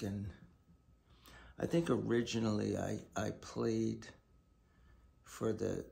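Slow gravelly older man reminiscing. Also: fairly low pitch. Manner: unhurried, reflective, playful asides. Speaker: church musician telling life stories. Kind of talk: casual spoken memoir. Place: home room lined with bookshelves, indoors. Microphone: desktop webcam framing, seated. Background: loud acoustic guitar playing.

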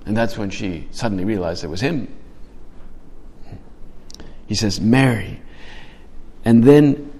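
A man's voice: lowish voice, lively intonation, unhurried, pauses often, warm tone, breathy edge. A man giving a reflective homily, asking his listeners many questions and often restarting his phrases. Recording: hall reverb.

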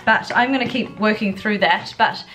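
A woman's voice: mid-range voice, moderate pace, fairly bright tone, a little hiss or hum. A young adult woman feeling sick with a congested cold, chatting casually and a little subdued through a makeup tutorial as a beauty vlogger. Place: furnished living room at home, indoors. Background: background music.

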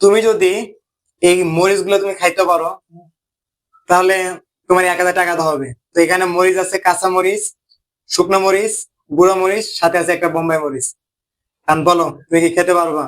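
A man's voice: high voice, steady tone, brisk, long pauses, a bit bright, poor audio. A man casually hosting a challenge vlog, talking to a friend and to viewers. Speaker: host of a food challenge video.

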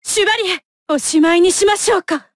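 A very high, fairly quick female voice, recorded dry in a clean studio, belongs to an actress playing a poised, haughty young female knight in a fighting game. She speaks with formal, imperious politeness and clipped battle cries, sounding confident and taunting.

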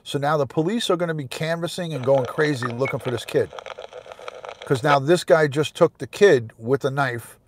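A man in his fifties with a mid-pitched voice talks casually as a livestream host. He repeats phrases for emphasis as he comments from inside a car. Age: 50s. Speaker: host, retired police detective.

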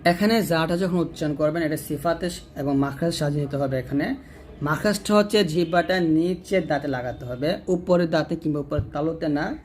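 A man teaching Quran recitation rules, alternating slow, drawn-out chanted verses with brisk explanations. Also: fairly high pitch, a little hiss or hum. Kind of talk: tajweed lesson.

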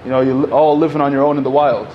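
Very fast and with little pitch movement, his mid-range voice carries over lo-fi sound and a little hiss or hum. He is an Egyptian panelist in his thirties giving a conversational community talk at a podium mic, gesturing and full of "you know" and "like."

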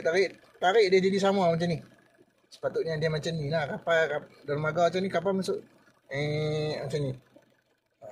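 An older man with a Malaysian Malay accent tells a long story in a relaxed, chatty way. His voice sits a little high for a man, and he talks to the listener like an uncle to a youngster, acting out the lines of the people in his story. A faint hum of noise lies underneath. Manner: chatty, addresses the listener as a younger person, acts out what others said. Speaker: former ship deckhand telling a story. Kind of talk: casual spoken storytelling.

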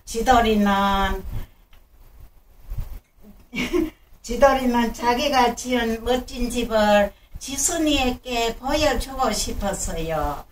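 Elderly woman, grandma storyteller for children's tales. Unhurried delivery, recorded at a distance with faint background noise. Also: fairly high pitch, animated, reverberant. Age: 80s. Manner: acts out animal dialogue and sound words. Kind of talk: oral fairy-tale storytelling for children.

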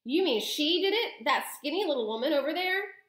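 A woman voicing a blustering, indignant English father in a storybook, shouting and spluttering. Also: on the high side, big pitch swings, fairly quick, roomy sound. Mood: furious.

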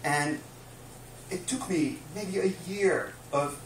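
A Dutch guest speaker in his fifties gives a public lecture slowly in a fairly high voice, earnest and explanatory with frequent uh fillers. The small dim room has a projection screen and a live audience, and a distant camera mic records it, roomy and echoey with faint room noise.

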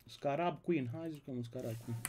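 A man's voice: fairly high pitch, dark tone, husky. A man from Romania hosting a casual live stream, greeting viewers by name and bantering with the chat. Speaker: slots streamer.

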